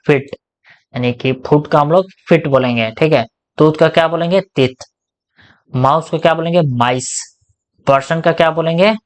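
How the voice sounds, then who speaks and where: Male grammar tutor, Hindi accent, slightly high voice, casual and explanatory, asks and answers his own questions. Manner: asks questions and answers them himself, repeats "ठीक ना?" often. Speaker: English grammar teacher.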